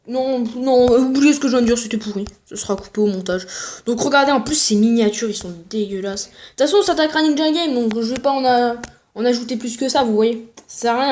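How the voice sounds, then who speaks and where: Higher-pitched young woman ranting jokily. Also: a little mellow. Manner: mocking, jokey, self-promoting. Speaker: YouTuber. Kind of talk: casual ranting commentary.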